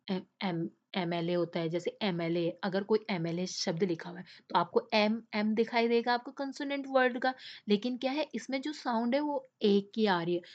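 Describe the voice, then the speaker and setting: Woman teacher with a dull, lo-fi sound. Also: medium pitch. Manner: asks the children questions and keeps checking with "okay?". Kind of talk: explaining a children's English lesson in Hindi.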